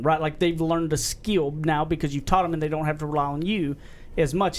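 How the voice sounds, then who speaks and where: A man with a twang co-hosting a podcast in casual, rambling chat. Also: on the high side. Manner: rambling, earnest, self-described redneck voice. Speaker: podcast co-host.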